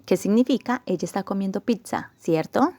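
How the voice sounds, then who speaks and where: A woman teaching an English grammar lesson in Spanish, explaining patiently step by step and slowing down to model example sentences. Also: mid-range voice, animated, dark tone, dry recording.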